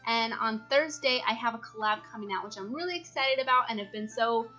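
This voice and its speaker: A woman in her twenties talks through a home voiceover in a loose, rambling way, often laughing and filling pauses. Her voice is bright and a little high. The sound is slightly dull, with quiet music behind her. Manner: rambling, giggly, with many fillers. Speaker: YouTube build creator. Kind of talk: casual chatty voiceover.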